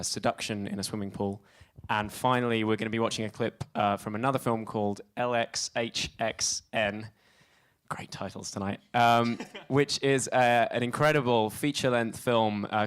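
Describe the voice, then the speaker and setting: A man hosts a live festival talk in a lowish, smooth voice. He speaks in a measured way, sprinkling in hesitant "uh"s as he introduces films. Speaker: host and director. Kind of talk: live on-stage conversation. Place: stage at a film festival event.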